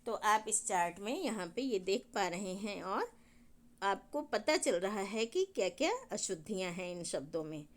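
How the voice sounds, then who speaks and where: A woman's voice: medium pitch, lively intonation, moderate pace. A woman teacher giving a recorded grammar lesson to schoolchildren, explaining patiently and asking questions she then answers herself, with said.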